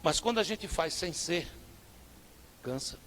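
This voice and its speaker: A male pastor with a Northeastern Brazilian accent, preaching a sermon with rhetorical questions and sudden loud bursts. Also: fairly high pitch, animated, measured pace, slight background noise. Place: church service.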